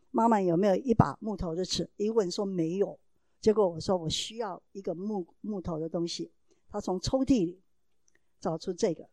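A woman's voice: medium pitch, mellow, no echo. A mother giving a talk to parents, telling a family story in an earnest, explaining way and acting out the dialogue in changing voices.

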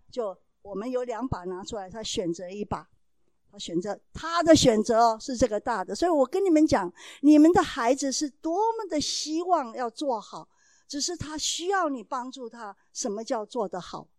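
A woman speaks to an audience about raising children, telling the story in an animated way and acting out the dialogue. Her voice sits fairly high but sounds mellow and soft-edged. The recording is dry, with almost no room sound. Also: moderate pace, no echo. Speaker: mother giving parenting advice.

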